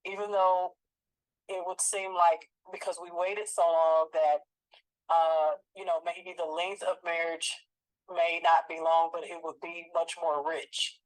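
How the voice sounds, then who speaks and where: A woman in her forties with a slightly low voice, talking in a casual, reflective way. She often stops to restart a thought or add a filler. Her tone is conversational and personal. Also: level tone, measured pace, rough recording. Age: 40s. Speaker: co-host.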